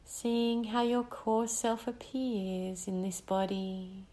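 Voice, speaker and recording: A woman leading a guided breathing meditation, speaking in a slow, soothing way with long pauses between phrases. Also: medium pitch, monotone, mellow.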